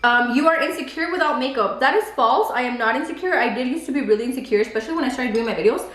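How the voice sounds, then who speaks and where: In a reverberant room, a pregnant beauty vlogger in her twenties talks fast and animatedly in a high, fairly bright voice. Spanish is her first language, and she fills her casual chat over a meal with "like."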